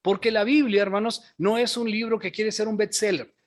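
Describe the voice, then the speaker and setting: A man's voice: high-pitched, steady tone, a little fast. A male pastor preaching a sermon, retelling a story and asking the congregation questions as he goes. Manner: storytelling, asks the congregation questions, says "hermanos" often.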